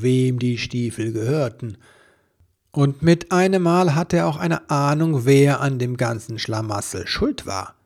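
Male narrator for a children's story; lively read, gravelly, husky tone. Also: medium pitch. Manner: lively reading with voices for the characters. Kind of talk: storybook reading.

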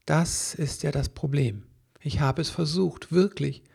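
Storybook role: clever female elf tinkerer, read by a man, earnest and explaining, rough-edged voice. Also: a little high, measured pace, darkish tone, pitched above the performer's own voice, heavily acted. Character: clever, quick-tempered female elf inventor.

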